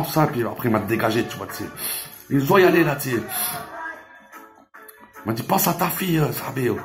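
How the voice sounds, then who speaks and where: A man's voice: mid-range voice, gravelly. A man telling a rambling, emotional story in a casual monologue, dropping Arabic religious expressions and swearing as he goes. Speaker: vlogger.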